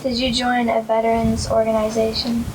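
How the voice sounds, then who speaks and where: A woman's voice: on the high side, monotone, normal speed, background noise. A woman interviewer reading out prepared questions.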